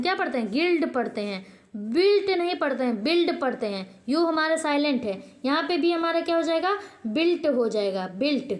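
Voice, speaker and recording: A woman teacher giving an online lesson, repeatedly asking a question and then answering it herself, with frequent hesitations and self-corrections. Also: high voice. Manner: drills by asking and answering her own questions. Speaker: channel host.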